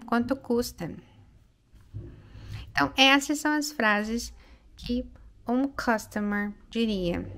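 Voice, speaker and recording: A woman's voice: on the high side, fairly bright tone. A Brazilian woman English teacher who explains phrases in Portuguese and keeps checking in with "né?" and "ok?". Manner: slow, careful delivery with frequent check-ins like "né?" and "ok?"; reads English lines aloud slowly and clearly.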